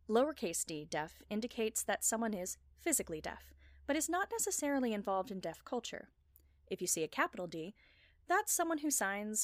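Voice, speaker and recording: A woman podcast creator gives a scripted personal talk, her phrasing measured and articulate with deliberate emphasis. Her pitch is medium, and there's no echo.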